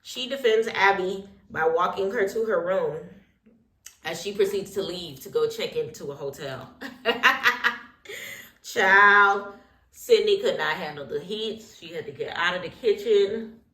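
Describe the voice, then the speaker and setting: A woman's voice: medium pitch, animated, unhurried, bright, forceful tone, roomy sound. A woman hosting a casual reality TV recap while getting ready, talking in a sassy, opinionated way full of slang and asides. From Haitian heritage.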